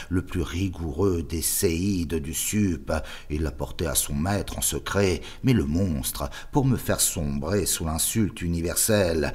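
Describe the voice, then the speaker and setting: A man's voice: a bass voice, husky. A man giving a theatrical dramatic reading of a literary story with lingering delivery. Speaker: reader.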